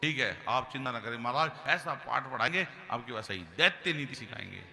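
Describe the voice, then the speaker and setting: Bright-voiced male preacher in echoey hall. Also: mid-range voice, expressive, brisk, vocal fry. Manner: acts out dialogue of story characters; chants Sanskrit verses melodically. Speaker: kathavachak preacher. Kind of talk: devotional storytelling sermon. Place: large hall, religious gathering. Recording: reverberant hall with music.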